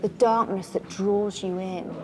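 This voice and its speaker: A woman's voice: mid-range voice, steady tone, a little slow. A woman acting as a pretend auction owner, gushing theatrically over a painting. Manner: theatrical, gushing sales talk. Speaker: actress playing an auction owner. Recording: noisy room with crowd chatter.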